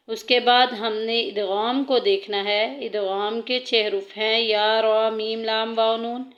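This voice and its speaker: Patient woman teaching recitation rules, slow. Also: fairly high pitch, fairly bright tone. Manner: patient, explains rules step by step, recites verses slowly. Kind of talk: tajweed lesson with slow recitation.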